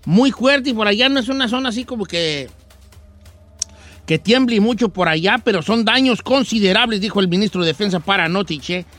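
High bright-voiced bantering male news host. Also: brisk, no room sound. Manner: bantering, teasing co-hosts. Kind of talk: comic news chat.

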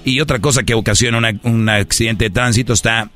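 A man's voice: mid-range voice, fairly even intonation, fairly bright tone, soft background music. A man with a Mexican accent hosting a comedy game show, mocking contestants as he reads the answers. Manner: mocking, brisk. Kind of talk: reading out game results.

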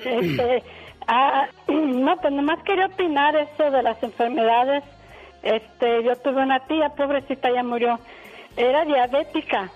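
A woman's voice: high voice, a little slow, faint music behind. A woman calling in to a radio show and telling a story in a chatty way, laughing as she goes. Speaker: caller. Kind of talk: phone-in chat. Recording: muffled phone line.

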